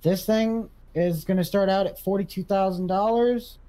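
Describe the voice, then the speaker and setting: A man's voice: sits high, steady tone, moderate pace, warm tone, lightly acted. A man playing a farm equipment auctioneer in a casual video game role-play, calling for bids and repeating prices. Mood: matter-of-fact pitch.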